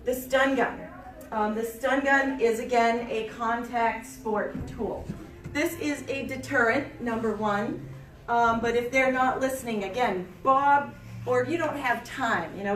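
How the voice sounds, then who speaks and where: A woman giving a chirpy, animated trade show product pitch, instructing listeners and often checking in with them. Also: a little slow. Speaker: self-defense product demonstrator. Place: indoor expo event. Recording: echoey room, distant mic.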